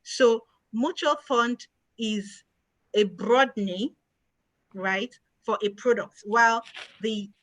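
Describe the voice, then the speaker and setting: A woman's voice: mid-range voice, a bit bright, dry recording, poor audio. A woman, answering audience questions as an investment expert, patient and plain, stressing key words. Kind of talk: explanatory Q&A answers.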